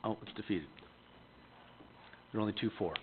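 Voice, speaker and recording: A man with a Canadian accent chairing a town council meeting, brisk and often trailing off at the ends of his remarks. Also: fairly low pitch. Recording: tinny phone-like audio with faint room noise.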